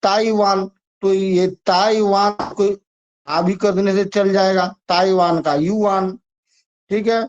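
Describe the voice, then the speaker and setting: A man's voice: high-pitched, fairly even intonation, slow pace. A man teaching an exam-prep lesson, chatty and repetitive as he coaxes students through memory tricks. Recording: dull lo-fi sound.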